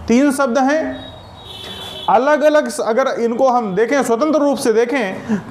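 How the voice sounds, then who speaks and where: A man teaching a recorded grammar lesson. He asks questions, answers them himself, and repeats key sentences slowly. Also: very high-pitched, roomy sound, slight background noise.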